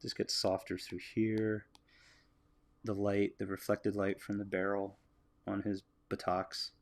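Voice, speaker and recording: An American man livestreaming as he draws, musing aloud in a relaxed way and chatting with his viewers. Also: fairly low pitch, measured pace. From United States. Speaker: artist livestreaming a drawing. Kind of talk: casual livestream commentary while drawing.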